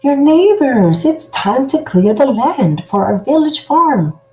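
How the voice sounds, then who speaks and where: A woman's voice: fairly high pitch, animated, a little slow, pitched above the performer's own voice, rough recording. A woman voicing eager, insistent village neighbors in a children's story, calling out and urging.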